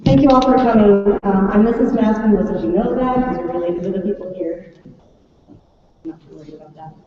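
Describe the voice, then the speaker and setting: Speaking fairly quickly in a medium-pitched voice, an American teacher welcomes listeners to her third-grade class's project presentation. She keeps it informal and chatty, tossing out questions to the crowd. The event takes place in a big, echoey school room, and the distant microphone leaves the sound muffled and faintly noisy.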